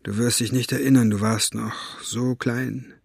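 A man playing a wary, scarred grown man who speaks in a low, hushed, insinuating way. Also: level tone, a little slow, vocal fry, slightly rough, dry recording, clean studio sound.

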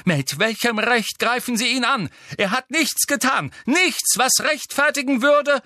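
A man voicing a stern elderly female professor, fiercely protective, with sharp, commanding outrage. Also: very high voice, a little slow, no echo, pitched above the performer's own voice, heavily acted. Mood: outraged.

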